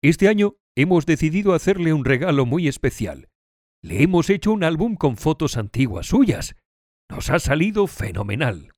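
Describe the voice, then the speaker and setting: A man reading his part in a scripted language-learning dialogue, with a clear, expressive delivery. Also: fairly high pitch, normal speed, dry recording, clean studio sound. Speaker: dialogue reader.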